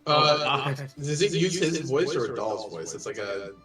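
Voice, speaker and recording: A man's voice: mid-range voice, lively intonation, measured pace, recorded from a distance. A man playing a tabletop role-playing game, describing his character's actions in informal, sweary chat. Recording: clear music behind the voice. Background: background music.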